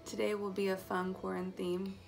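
A woman's voice: mid-range voice, flat delivery, normal speed, vocal fry, soft background music. A woman in her twenties, a mom, chatting casually to camera in a light, self-mocking vlog. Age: 20s. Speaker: vlogger and mom.

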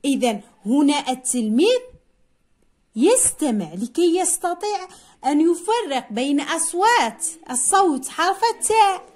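A woman teaching a primary spelling lesson. She dictates single words slowly, repeats each one, and asks her pupils questions that she answers herself. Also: high voice, big pitch swings, a little mellow.

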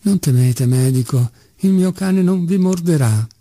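A man's voice: on the high side, lively intonation, a little slow, warm tone, pitched above the performer's own voice. A man reading the part of an insolent, mocking teenage schoolboy in an audiobook. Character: defiant cheeky schoolboy, teenage.

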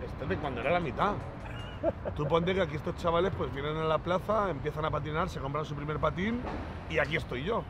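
A man's voice: a little high, a little fast. Middle-aged man telling stories in a plaza. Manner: relaxed storyteller, slangy. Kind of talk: casual street chat. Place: outdoor city plaza. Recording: outdoor street noise.

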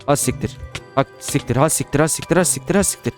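A young man giving casual gameplay commentary, excitable, repeating words in quick bursts and swearing now and then. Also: on the high side, faint music behind. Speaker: gaming YouTuber.

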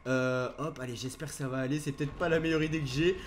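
A man's voice: mid-range voice, fairly even intonation, fast, a little hiss or hum. A young man hosting a Minecraft video, commenting on the game to viewers in a theatrical, easily alarmed way. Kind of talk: dramatised gameplay commentary addressed to viewers.

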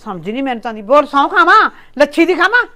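A woman's voice: high voice, big pitch swings, fast talker, sharp tone, heavily acted. A woman playing an elderly village mother in a comedy drama, speaking with a Malwai Punjabi accent, insistent and defensive. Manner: insistent, exclaiming, coaxing with her sons.

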